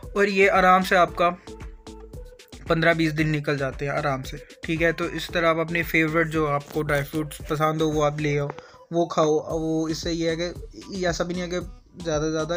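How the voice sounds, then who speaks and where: A man's voice: fairly high pitch, little pitch movement, moderate pace, a bit bright, soft background music. A man with a Pakistani accent talks through everyday advice in a casual, rambling vlog. He repeats himself often and drifts into asides. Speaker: vlogger.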